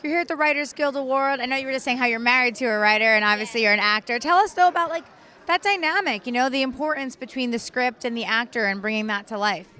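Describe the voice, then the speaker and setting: Higher-pitched woman, red carpet interviewer. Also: quick pace, sharp tone. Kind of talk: event interview. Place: red carpet at an awards event.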